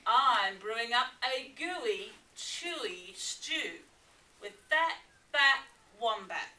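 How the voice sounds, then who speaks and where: A boastful, scheming male dingo from a picture book, as a woman reads him aloud, chanting in a gleeful sing-song. The voice is bright and unhurried. It is heard from a bit off the mic in an echoey room. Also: on the high side, animated, recorded from a distance, exaggerated voice. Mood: cheerful.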